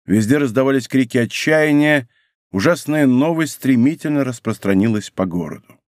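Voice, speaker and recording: A man narrating an adventure novel as an audiobook in a dramatic, expressive reading style. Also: mid-range voice, normal speed, dry recording, clean studio sound. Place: recording studio.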